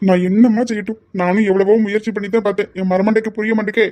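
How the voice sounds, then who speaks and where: Woman doing a sad old grandpa, talks quick and soft, all apologies, mid-range voice. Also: mid-range voice, little pitch movement, lightly acted. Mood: apologetic. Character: remorseful elderly grandfather, meek and tearful. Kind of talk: homemade family skit acting.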